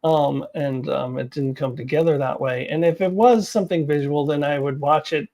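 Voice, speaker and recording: A woman hosts a casual fan commentary video, talking bluntly and informally as she haltingly works through her opinions for the viewer. Her voice is low and mellow with a gravelly fry, and the recording is muffled.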